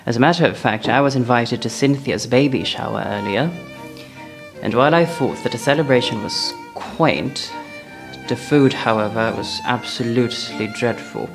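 A man's voice: medium pitch, music in the background, close to an everyday voice. A young man voicing a haughty, pompous gossiping woman with posh, theatrical disdain, in a comedy skit. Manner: pompous, disdainful, drawn-out delivery.

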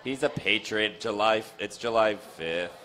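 Young guy hosting soccer chat in a bar, deepish voice, lots of restarts. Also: unhurried, crowd noise. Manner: animated, restarts often, jumps in pitch. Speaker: soccer show host. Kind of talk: casual post-game chat. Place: dim bar. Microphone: studio mic on stand with foam cover, headphones.

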